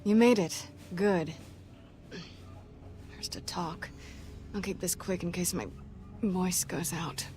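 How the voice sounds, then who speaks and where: An actress playing a hardened, grim operative with a sore throat, speaking tersely in video game dialogue. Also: female voice, on the low side, steady tone, measured pace, soft background music, close to an everyday voice. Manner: terse, clipped, matter-of-fact.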